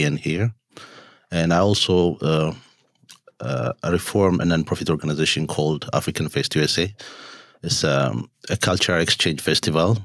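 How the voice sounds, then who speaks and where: A man from Ethiopia answering in a studio panel interview, halting and with many fillers. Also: extremely low pitch, dry recording. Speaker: entrepreneur and nonprofit founder.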